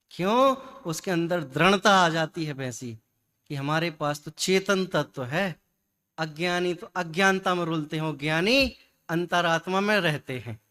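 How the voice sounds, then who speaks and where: Animated man preaching with rhetorical questions. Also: a little high. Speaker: Jain scholar giving a discourse. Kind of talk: religious discourse.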